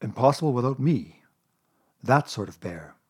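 A man voicing a gentle, slow-witted bear in a children's storybook, modest, simple and plodding in manner. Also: lowish voice, lively intonation, slightly rough, exaggerated voice. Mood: quietly proud. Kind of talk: children's storybook character reading.

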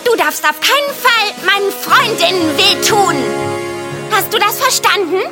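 A woman voicing a gentle but firm young pony with an earnest, cute manner in a children's cartoon audio play. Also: very high-pitched, animated, unhurried. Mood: stern, scolding. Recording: music underneath.

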